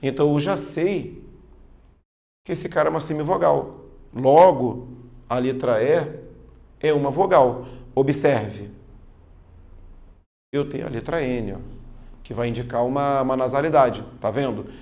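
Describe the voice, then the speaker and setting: A man's voice: mid-range voice, normal speed, gravelly, pauses often, darkish tone. A man teaching a grammar lesson for exam preparation, explaining patiently and often checking that students follow. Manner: patient, explanatory, keeps checking understanding with "tá vendo?" and "certo?"; leans on stressed spoken examples. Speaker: Portuguese teacher.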